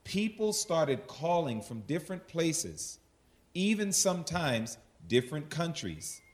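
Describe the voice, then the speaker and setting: A man's voice: on the high side, a little slow. New guy telling ministry stories, voice jumps all over, acts out his old lines. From New York, USA. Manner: animated storyteller, acts out his own past words. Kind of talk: testimony in a ministry talk.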